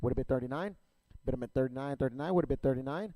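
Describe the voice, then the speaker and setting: A man working as an auctioneer, calling bids in a rapid, repetitive chant of numbers and stock phrases. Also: mid-range voice, mellow, no echo.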